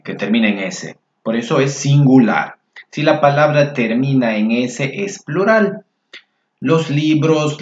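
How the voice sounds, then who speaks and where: A man teaching a friendly Spanish grammar lesson, his voice sitting at an ordinary middle pitch. He says the example words slowly and mutters quietly to himself while he fixes the screen. The recording is roomy and a little dull and lo-fi. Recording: echoey room, dull lo-fi sound.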